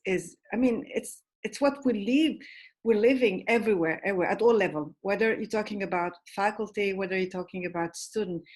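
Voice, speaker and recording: A woman from Algeria speaks earnestly in a husky voice. She talks in halting phrases that often repeat, moderating a casual discussion. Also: mid-range voice, rough recording. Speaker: panel moderator.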